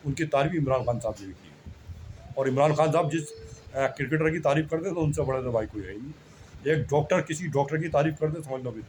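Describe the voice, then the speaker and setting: Rambling man with a high voice. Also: fairly quick, a little mellow, slight background noise, poor audio. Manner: rambling, repeats himself, keeps saying "bhai sahab"; humble, self-deprecating. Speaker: religious speaker. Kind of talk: casual monologue.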